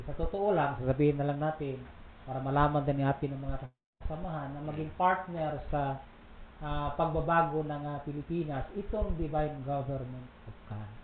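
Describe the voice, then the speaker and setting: A man co-hosting a casual religious talk program, explaining at length with asides and laughs. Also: on the high side. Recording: roomy, tinny phone-like sound with faint noise.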